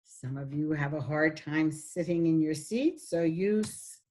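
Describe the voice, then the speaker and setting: A woman's voice: low voice, a little slow, darkish tone. A woman giving a recorded phonetics lecture, patiently demonstrating sounds while sharing her screen. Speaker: phonetics instructor.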